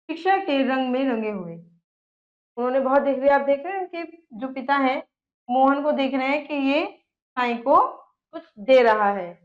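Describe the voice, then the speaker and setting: A woman teacher reading a story aloud and restating each part in simple words for children. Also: sits high. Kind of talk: reading and explaining a textbook story. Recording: dull lo-fi sound.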